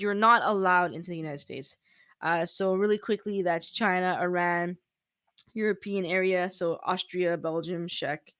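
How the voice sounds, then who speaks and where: A woman's voice: a little high, sharp tone, no echo. A woman, casually explaining rules step by step in a chatty vlog. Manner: chatty, walks through steps point by point. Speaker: vlogger.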